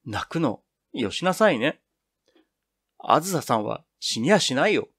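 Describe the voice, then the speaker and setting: Man voicing brisk tomboyish girl Piro. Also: a little high, sing-song, a bit bright, slightly rough, heavily acted. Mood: firm, cheerful. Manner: brisk, scolding, confident. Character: cheerful boyish young woman Piro.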